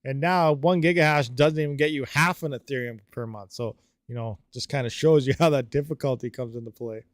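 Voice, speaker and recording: A male livestream host with a mid-range voice and a slightly dry throat talks a little fast, rambling casually and using many fillers as he replies to viewers' comments. The audio is studio quality with no echo.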